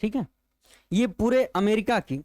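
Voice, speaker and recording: Slow, drilling male teacher. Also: high-pitched, darkish tone, dry recording, clean studio sound. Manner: drills points by repeating them as questions to students; slow, repetitive explaining. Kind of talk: exam-prep geography lesson.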